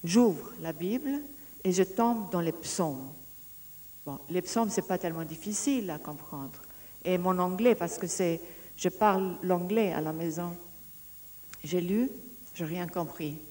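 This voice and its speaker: A woman giving a personal testimony, telling her story in a lively way and often restarting her sentences as she searches for words. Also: lowish voice, a little slow. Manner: lively storytelling, acting out the dialogue she recounts.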